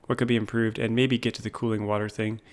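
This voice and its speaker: Man giving laid-back game commentary, smooth voice. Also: lowish voice. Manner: relaxed, thinking aloud with frequent "uh" pauses. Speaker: gaming YouTuber. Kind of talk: casual gameplay commentary.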